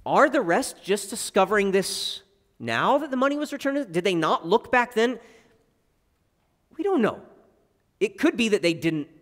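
A male pastor preaching a sermon, with expressive swings from loud emphasis to quiet, low asides. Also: moderate pace, pauses often. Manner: expressive preaching with wide swings in pitch and loudness. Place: church sanctuary. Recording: long church reverb.

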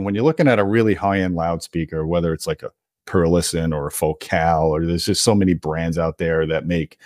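This man hosts an audio gear video and explains products to viewers in an emphatic, opinionated, conversational style. His voice is low and a little mellow. The recording is dry and of studio quality.

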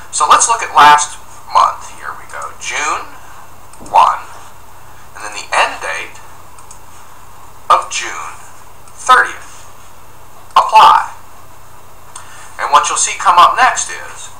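Middle-aged man, upbeat step-by-step tutorial narrator, lively pitch, distant mic in an echoey office. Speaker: software tutorial presenter. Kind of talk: screencast walkthrough narration. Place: office room indoors, at a desk. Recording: roomy, distant mic with faint noise.

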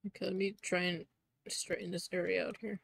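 A woman's voice: lowish voice, little pitch movement, fairly quick, creaky, husky, no room sound. A young woman with a slight Mexican accent, chatting casually and giggling while streaming a game. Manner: giggly, chatty, often laughs. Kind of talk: casual chat while gaming.

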